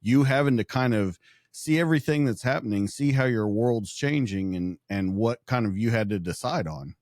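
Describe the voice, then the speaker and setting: A man's voice: medium pitch, moderate pace, a little mellow, no room sound, clean studio sound. A man hosting a podcast, easygoing, asking long framing questions in conversational interview style. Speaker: podcast host.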